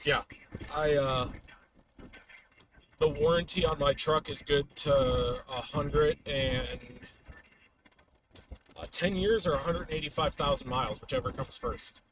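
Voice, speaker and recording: A man chats casually on a storm-chasing livestream while he drives, with noticeable noise around him. His pitch moves around a lot as he rambles and drops thoughts halfway. The microphone sits away from his mouth, so he sounds a bit distant inside the car. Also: animated, a little slow, long pauses. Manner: rambling, trailing off mid-thought. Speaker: storm chaser live streamer. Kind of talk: casual unscripted livestream chat while driving. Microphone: webcam microphone in car. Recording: noisy car, distant webcam mic.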